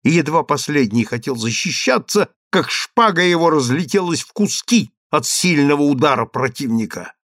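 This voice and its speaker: Lively male narrator, higher voice, dry close recording. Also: normal speed, few pauses, no room sound. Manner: expressive reading, voicing each character. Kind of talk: audiobook narration.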